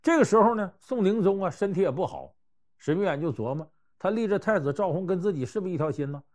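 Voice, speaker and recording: A man telling historical and everyday anecdotes to give life advice, conversational and animated, swinging between loud and hushed. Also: high-pitched, fast. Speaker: storyteller giving life advice. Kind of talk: anecdotal storytelling talk.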